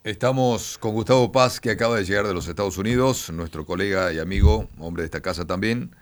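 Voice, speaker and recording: Male host, very deep and quick, handing off to the news. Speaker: radio host. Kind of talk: radio show segment wrap-up.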